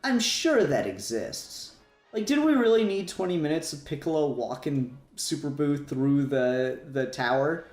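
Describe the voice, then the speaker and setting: Over soft background music, this man's slightly high, sing-song voice carries a darkish tone at a measured pace. Co-hosting a podcast, he rambles casually about fan topics and drops some profanity, all captured in an echoey, roomy space.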